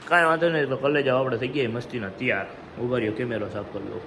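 A man's voice: medium pitch, steady tone, fast. A male vlogger, chatting casually to viewers on his phone camera as he goes about town. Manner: chatty, greets viewers warmly with devotional calls. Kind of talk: casual vlog chat. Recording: noisy street background.

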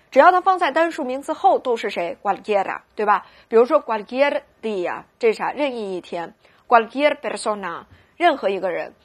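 A woman with a slightly husky voice gives a recorded grammar lesson. Her pitch sits a little high, and she keeps checking in with rhetorical questions. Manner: constant rhetorical questions to students. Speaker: Spanish grammar teacher.

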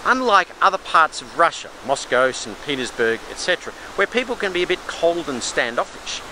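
A man's voice: on the high side, sing-song, a little fast, sharp tone, rough recording. A middle-aged man giving an informative travel vlog narration. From Australia. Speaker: travel vlogger. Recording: faint outdoor background noise.

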